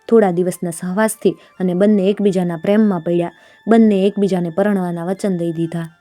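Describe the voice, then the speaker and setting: A woman's voice: on the low side, mellow, no echo. Woman telling a folk tale. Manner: unhurried, plain storytelling with quoted dialogue. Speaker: storyteller.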